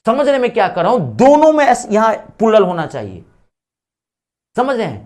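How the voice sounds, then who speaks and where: A male teacher with an Indian English accent giving an exam grammar lecture. He asks questions and answers them himself, and dictates English examples slowly, word by word. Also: sits high, huge pitch swings, a little mellow.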